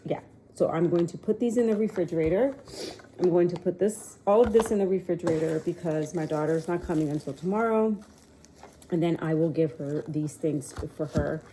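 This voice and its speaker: A woman's voice: fairly low pitch, brisk, warm tone, slight background noise, low-quality recording. A middle-aged woman with a cold, chatting upbeat and straight to camera in a casual vlog. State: sniffly with a cold. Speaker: lifestyle vlogger.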